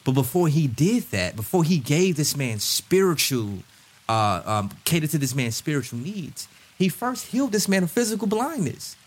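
A man's voice: on the high side, sing-song, moderate pace, breathy edge. A man in a podcast discussion, talking in an emphatic, preacherly way and repeating phrases for weight. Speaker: podcast guest. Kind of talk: impassioned conversational preaching and discussion.

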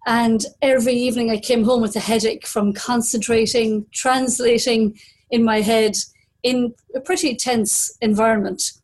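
A woman in her fifties with a Kerry accent from the west of Ireland, telling a personal story in an unhurried, reflective way. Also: on the high side, fairly even intonation. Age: 50s.

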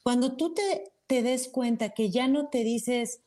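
A woman guest on a talk show, calmly explaining her advice. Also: a little high, slow pace.

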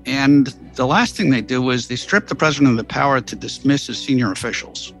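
Male historian guest, mid-pitched, casual and enthusiastic, faint music under him. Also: brisk, low-quality recording. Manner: enthusiastic, casual storyteller with fillers. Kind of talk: interview explanation.

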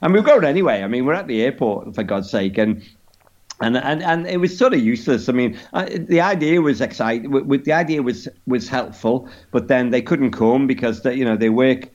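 A man, a podcast guest, telling a story in an animated way, with lots of stammering restarts and swearing. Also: mid-range voice, fairly quick, dull audio.

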